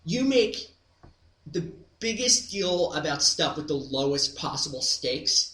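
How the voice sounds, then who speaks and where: A man's voice: on the high side, big pitch swings, slow, bright, forceful tone. A man, a comedian guest, rambling in casual interview chat with lots of filler words. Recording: roomy echo.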